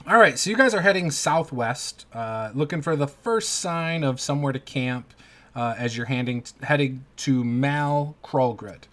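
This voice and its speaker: A man improvising narration as the game master of a tabletop game, halting and informal as he searches for words. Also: medium pitch, expressive, a bit bright.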